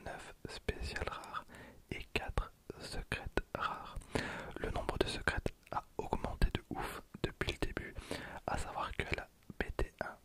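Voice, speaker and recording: A little slow in delivery, this ASMR creator in their twenties keeps to a hushed, breathy whisper. They talk casually about card packs and murmur repeated phrases.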